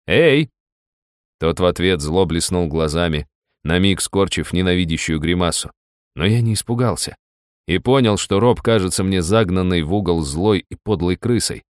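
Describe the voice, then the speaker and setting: A man reading an audiobook in a measured, grim narration. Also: low voice, smooth, no room sound, studio quality.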